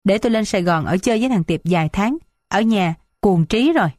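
A woman's voice: animated, fairly quick, darkish tone, dry recording, studio quality, natural voice. A woman voicing a scolding, dramatic old village matriarch in an audiobook. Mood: wailing. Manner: shrill, complaining, wailing.

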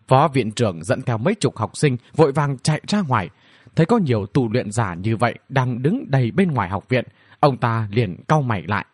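A male narrator with a husky, slightly breathy voice reads a fantasy novel aloud in a dramatic way. His pitch swings widely and animatedly. The sound is dry and close, with no room echo. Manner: expressive, dramatic. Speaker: audiobook narrator. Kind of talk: storybook narration.

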